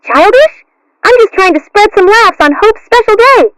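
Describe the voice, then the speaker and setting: A childish cartoon clown kitten with an extremely high, swooping voice. She is cheerful and bubbly, like a children's party entertainer. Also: expressive, moderate pace, no room sound, poor audio. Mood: friendly, earnest. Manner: bubbly children's-show presenter patter. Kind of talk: cartoon character acting.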